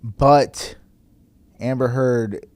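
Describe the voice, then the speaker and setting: A man in his thirties, a company chief on a podcast, joking in a deadpan way with drawn-out pauses. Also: medium pitch. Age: 30s. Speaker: podcast guest, company CEO. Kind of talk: casual podcast chat.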